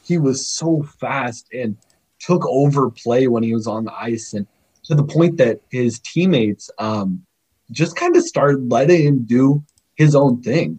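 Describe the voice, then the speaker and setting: Man, podcast guest; husky, middle pitch, animated and chatty. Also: low-quality recording. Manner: animated, laughs often, chatty. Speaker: scouting guest. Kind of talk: podcast interview.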